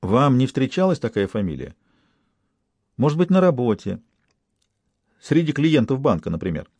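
A man reading an audiobook, voicing a calm male private detective who speaks evenly and dryly. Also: mid-range voice, normal speed, slightly rough, dry recording. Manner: calm, even, dry.

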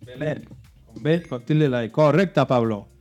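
A man's voice: medium pitch, normal speed, darkish tone, dull audio, soft background music. A man hosting a children's religious quiz show, reading out clues and coaxing the contestants with hints. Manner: reads clues then coaxes and hints. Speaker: quiz host.

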